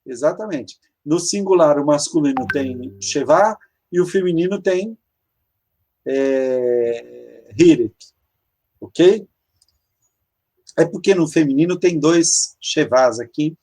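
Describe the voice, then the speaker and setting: Halting teacher on a video call. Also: mid-range voice, lively intonation, mellow. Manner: halting, searching for words, many fillers, explains step by step. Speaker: Hebrew teacher. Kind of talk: online grammar lesson.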